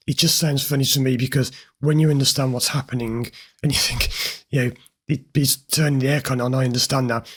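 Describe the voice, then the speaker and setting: Talking directly to his audience, a therapist who hosts the channel comments over an interview clip, unpacking a client's words in a direct, slightly amused way. His middle-pitched male voice is husky and a touch hoarse from making lots of videos.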